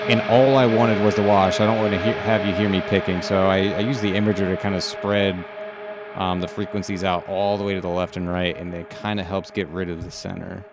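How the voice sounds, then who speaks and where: A man's voice: on the low side, noisy background. A man streaming from his home studio, chatting casually with his audience, laid-back and rambling, swearing often. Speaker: music streamer. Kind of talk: casual live-stream chat.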